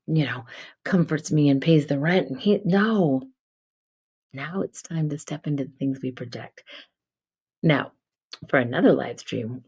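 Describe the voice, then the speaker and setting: A woman hosting a live stream, telling spiritual stories casually, swinging between loud bursts and soft near-whispers. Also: very deep voice, husky. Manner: casual, swears, repeats herself. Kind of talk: spiritual storytelling chat.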